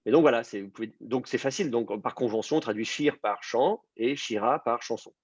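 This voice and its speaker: A man's voice: medium pitch, a little fast, husky, no room sound, lo-fi sound. A man teaching an online class, explaining patiently with many fillers and restarts. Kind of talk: online class on biblical Hebrew.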